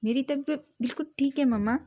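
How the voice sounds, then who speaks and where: A woman's voice: sits high, fast talker, dull audio, pitched above the performer's own voice, lightly acted. A woman voicing a flustered young man who stammers through nervous denials in a storybook romance.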